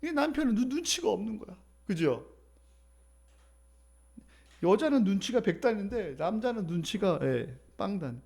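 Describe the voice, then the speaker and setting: A man's voice: high-pitched, big pitch swings, normal speed, creaky, pauses often, a little mellow, slightly rough. A male pastor giving a conversational sermon, often asking the congregation questions.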